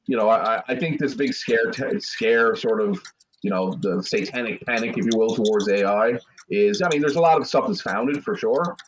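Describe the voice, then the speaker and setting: A man's voice: lowish voice, moderate pace. A man hosting a casual podcast chat, rambling and jumping between tangents. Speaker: host. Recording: dull lo-fi audio with faint noise.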